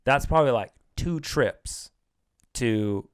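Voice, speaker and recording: A young man co-hosting a podcast in casual, joking chat, quick to laugh. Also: mid-range voice, animated, clean tone, dry recording, clean studio sound. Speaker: podcast co-host.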